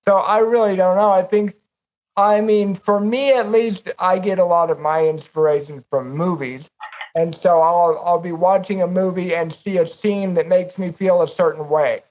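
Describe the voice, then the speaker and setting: A man's voice: high-pitched, moderate pace, a little mellow, highs cut off. A man co-hosting a podcast, talking in a reflective, rambling way about how he makes music. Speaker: podcast co-host. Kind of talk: casual conversation.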